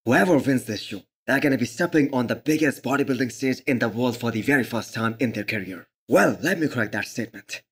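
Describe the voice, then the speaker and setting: Male fitness channel host for commentary voice-over: slightly rough, husky tone, medium pitch, opinionated and emphatic delivery. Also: a little fast, hardly any pauses.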